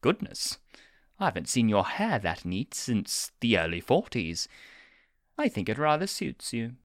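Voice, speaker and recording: A woman voicing a very low, fussy male angel. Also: big pitch swings, unhurried, no echo, studio quality, exaggerated voice. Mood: prim. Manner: flustered, prissy, waspish. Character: fussy prim male angel, bookish and posh.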